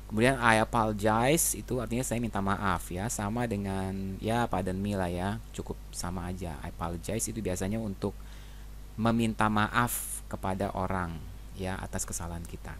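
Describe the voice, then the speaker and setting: A man teaching English phrases in a relaxed, conversational way, often ending sentences with a tag question. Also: on the low side, moderate pace, slight background noise. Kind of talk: casual explanatory lesson.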